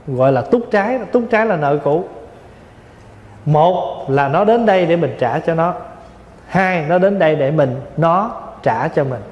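A man's voice: on the high side, a little mellow. A Vietnam-born male Buddhist monk in his forties gives a dharma talk in a folksy, humorous way, slipping in English words. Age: 40s. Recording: dull, echoey hall sound.

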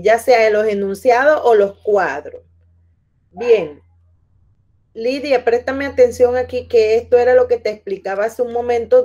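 Woman teacher, patient and repetitive, talking students through an assignment; high-ish voice, unhurried, muffled call audio. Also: dark tone. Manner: patient, repeats instructions, addresses students by name. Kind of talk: online class instructions. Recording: dull lo-fi audio.

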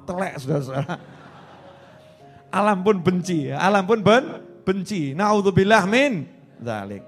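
Brief: middle-aged male preacher, high voice, swings from soft asides to loud repeated emphasis, faint music under. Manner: animated, switches between soft asides and loud emphatic repetition, chants prayers. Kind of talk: sermon.

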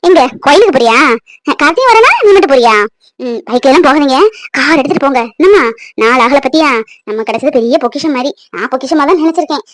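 A woman's voice: expressive, quick pace, dry recording. A woman voicing an older, doting mother-in-law in a cartoon, fussing over food and care. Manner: doting, fussing, lower than her other voices.

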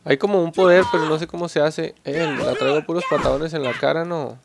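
A young man giving excited, joking gameplay commentary and swearing at his opponents. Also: a little high, brisk, gravelly, noisy background. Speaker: gameplay channel host.

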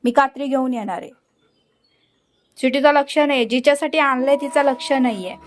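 A woman's voice: sits high, moderate pace, slight background noise. A woman hosting a pet channel, talking to her dog and cat in a coaxing, scolding pet-talk voice. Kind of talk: talking to her pets on camera.

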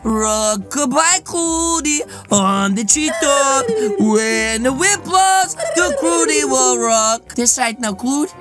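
A young man playing an excitable, easily scared goofy kid hero in gaming role-play, with exaggerated reactions. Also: very high-pitched, normal speed, loud music behind the voice. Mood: goofy, bossy. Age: young adult. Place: small decorated indoor gaming room.

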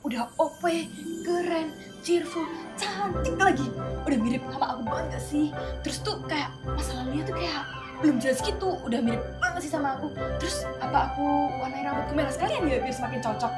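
A young woman playing a vain, excitable college student in a comedy horror film. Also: high voice, a little fast, loud music behind the voice, natural voice. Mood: excited, vain. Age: young adult.

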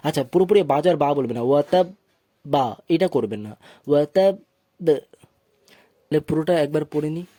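A man teaches Quran reading with a slightly high, mellow voice. He spells out syllables slowly and patiently, then chants the recited phrases. The sound is dry and close, with no room echo. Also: lively intonation, breathy edge. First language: Bengali. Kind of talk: tajweed lesson, spelling out and reciting verses.

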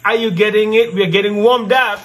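A man, middle-aged, telling stories and posing riddles in a theatrical way, repeating his questions with drawn-out emphasis. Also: high-pitched, steady tone, heavy background noise. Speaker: storyteller and channel host. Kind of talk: interactive storytelling, posing riddles to children. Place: indoor room with brick wall backdrop.

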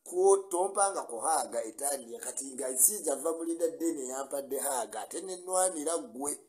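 A man's voice: mid-range voice, moderate pace, low-quality recording. Older man chatting to viewers on a live stream. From Uganda. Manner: animated, greets viewers by name, laughs often. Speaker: vlogger. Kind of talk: casual live-stream chat. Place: small room indoors. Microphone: webcam or phone in front.

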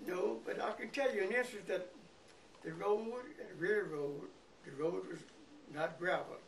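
A very old man of about a hundred with a Southern US accent and an aged, creaky voice, reminiscing haltingly in an interview. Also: high voice. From Mississippi, United States. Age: very old, about 100. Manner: halting, repeats words and pauses. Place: living room by a window, indoors. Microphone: camera a few feet away. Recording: noisy, distant room camera recording.

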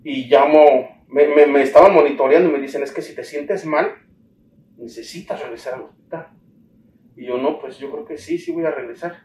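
Recounting his own experience in an interview, a man with a Mexican accent animatedly acts out the dialogue he recalls. His fairly high voice moves at a moderate pace, picked up by a distant mic with roomy echo, faint ambience, and slight background noise.

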